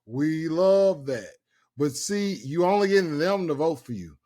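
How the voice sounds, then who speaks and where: A man's voice: on the high side, lively intonation, a little slow, warm tone. A man co-hosting a podcast, brash and joking, delivering emphatic punchlines in casual chat. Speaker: podcast co-host.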